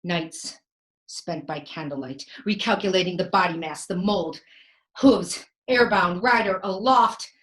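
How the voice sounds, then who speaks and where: A stage actress with a lowish, slightly bright voice performs a comic theatrical monologue as Leonardo da Vinci, portrayed as a grandiose, vain, playful Renaissance man. Her delivery is florid and resolute, with dramatic pauses and bits of Italian sprinkled in.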